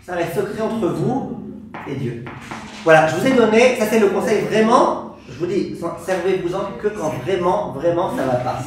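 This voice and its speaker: High-voiced rabbi in an echoey hall. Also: male voice, moderate pace. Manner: animated, acts out angry exchanges, asks the audience questions. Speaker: rabbi teaching a class. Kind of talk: lively Torah lesson to an audience. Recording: very echoey room, voice from far off, faint hiss.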